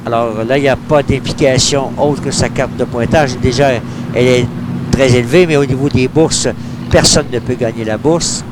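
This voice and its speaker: A man's voice: medium pitch, fairly even intonation, moderate pace. A man with a Quebec French accent giving live golf-style play-by-play of mini-putt as a sports commentator, in a noisy older TV broadcast. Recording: clearly noisy early-1990s TV broadcast.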